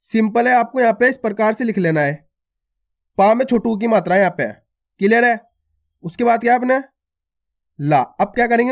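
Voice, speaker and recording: A man teaching a beginner reading lesson in a video, repeating each point and asking the viewer questions, drawing out single syllables. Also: very high-pitched. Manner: repetitive, asks the viewer questions, drawn-out syllables. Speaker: Hindi teacher.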